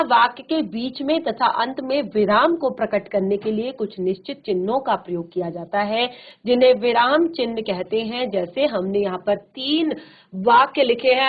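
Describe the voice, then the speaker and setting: A woman teacher explains a lesson to her pupils slowly and deliberately, pausing often. Her voice sits a little high for a woman. The sound is thin and narrow, like a phone line. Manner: slow, deliberate explaining with frequent pauses. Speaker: Hindi teacher. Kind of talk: virtual classroom lesson. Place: studio.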